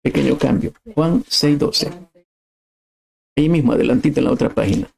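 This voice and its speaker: A man's voice: a little high, normal speed, creaky, a little mellow, breathy edge. A middle-aged man preaching a sermon, impassioned and emphatic, rising to cries.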